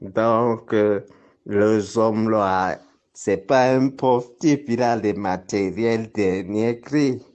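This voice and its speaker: A man's voice: lowish voice, drawn-out words, a little mellow, highs cut off. A man from Cameroon with a Cameroonian accent speaks informally and insistently, laying out accusations and repeating himself for emphasis. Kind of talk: informal spoken exposé with accusations.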